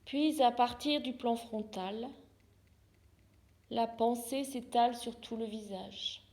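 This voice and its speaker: In this guided yoga nidra session, a female yoga therapist with a fairly high pitch leads listeners into relaxation. Her pace is very slow and unhurried, and she gives brief, calming directions separated by pauses.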